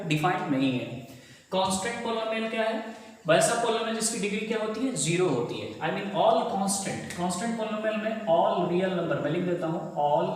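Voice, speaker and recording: A man with a high voice teaches a math class and poses questions that he answers at once. He switches between Hindi and English terms as he explains. His voice rings through a very echoey room with a long reverb tail. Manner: asks students questions then answers them himself. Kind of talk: classroom lecture.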